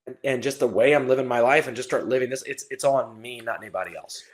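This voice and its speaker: A man's voice: mid-range voice, quick pace. A man hosting a podcast, asking long searching questions full of fillers. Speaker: podcast host. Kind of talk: casual interview.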